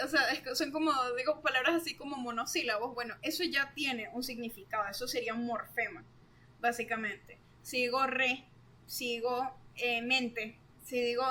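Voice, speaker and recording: Bright-voiced young woman explaining. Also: fairly high pitch. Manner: chatty, full of fillers like "bueno" and "o sea". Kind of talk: casual study explainer.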